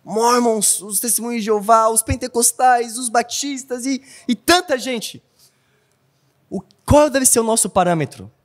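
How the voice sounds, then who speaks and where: A man with a high, light voice gives an earnest church sermon. He talks to the congregation in a conversational way and drops in small jokes as he goes. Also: normal speed, hardly any pauses. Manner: earnest, conversational preaching with asides and humor. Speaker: pastor.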